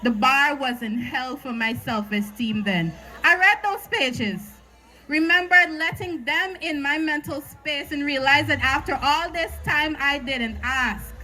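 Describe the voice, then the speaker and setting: A woman's voice: high-pitched, measured pace, pushed and bright, low-quality recording. A woman in her twenties performing spoken word poetry on stage at a live venue, with a rhythmic, emphatic delivery. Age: 20s.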